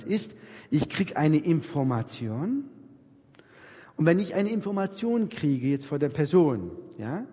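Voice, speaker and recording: A man delivers an animated sermon, his pitch swinging widely as he acts out little dialogues and turns to his listeners. His voice is slightly husky. The sound rings out with the long reverb of a church hall. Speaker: preacher to a congregation. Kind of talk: lively sermon.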